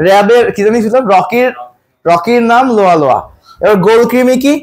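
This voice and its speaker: A male teacher runs a biology exam-prep lesson with a very high, slightly mellow voice. He quizzes his students constantly, repeating every question, and slows down to spell out the scientific terms.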